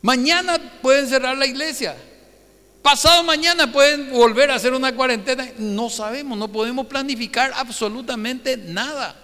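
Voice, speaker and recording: A man preaching a Sunday sermon as pastor, animated and keeps putting rhetorical questions to his congregation. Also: extremely high pitch, moderate pace, big-room sound. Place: church hall.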